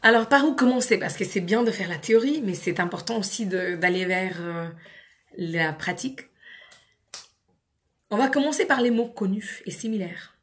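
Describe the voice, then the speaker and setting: A woman with a French accent explaining to parents, in a clear and patient way, how to teach English at home, with simple word examples. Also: mid-range voice, expressive, normal speed.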